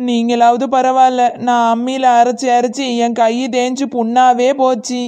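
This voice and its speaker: Brief: woman voicing a teasing village gal, mellow and slightly high, Kanyakumari Tamil. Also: level tone, normal speed, clear, resonant tone, lightly acted. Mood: cheeky. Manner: teasing, complaining. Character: cheeky greedy young village woman.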